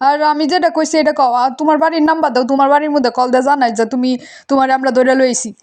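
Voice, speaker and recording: Lady doing a threatening kidnapper guy in a cartoon, bossy n fed up, high voice, bangladeshi regional bengali accent. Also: fairly even intonation, rapid-fire, a little mellow, lightly acted. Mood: exasperated. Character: blunt, threatening male child kidnapper. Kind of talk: amateur cartoon dubbing.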